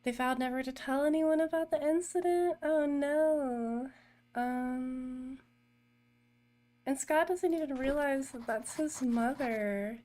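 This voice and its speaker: A woman streaming a murder mystery game, chatting casually, reading diary notes aloud and greeting new subscribers with excitement. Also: high-pitched, takes it slowly.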